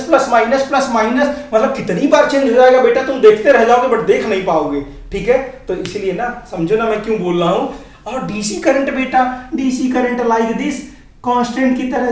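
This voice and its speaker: A male physics teacher giving a casual classroom lecture, asking questions and answering them himself. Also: high-pitched. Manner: chatty, calls students beta, asks and answers his own questions. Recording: echoey room, voice from a distance.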